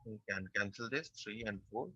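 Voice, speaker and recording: A man's voice: fairly low pitch, normal speed, sharp tone, breathy edge, dry recording, muffled recording. A man teaching a math class online, working through a percentages problem step by step and repeating the key phrases.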